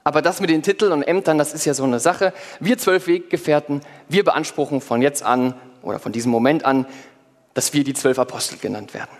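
Male preacher, slightly high voice, lively sermon in role as an apostle, long church reverb. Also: fairly quick. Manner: lively, playful asides to the congregation. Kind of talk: sermon told in first person as one of the apostles. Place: church hall before a congregation.

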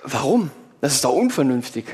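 A man preaching a sermon in first person as one of the apostles, lively, with playful asides to his congregation. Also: medium pitch, a little fast, breathy edge. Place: church hall before a congregation. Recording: long hall reverb.

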